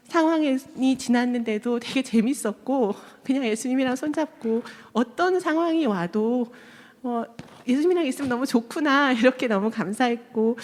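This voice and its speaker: In the large hall of a church sanctuary, a church member in her thirties gives her testimony to the congregation. Her fairly high, slightly mellow voice shifts as she plays the people in her story, and she laughs a lot.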